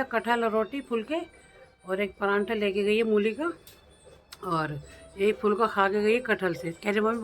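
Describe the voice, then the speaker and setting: A woman's voice: mid-range voice, fairly bright tone. A middle-aged woman chatting casually to her viewers in a home vlog. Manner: chatty, talks straight to viewers. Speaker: vlogger. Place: home indoors.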